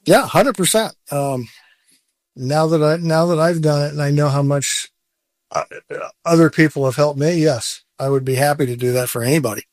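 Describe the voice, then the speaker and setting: A man in his sixties, his voice a little high for a man, chats casually as an interview guest at normal speed, candid and self-deprecating with occasional laughter. The recording is close and dry, without room sound or echo.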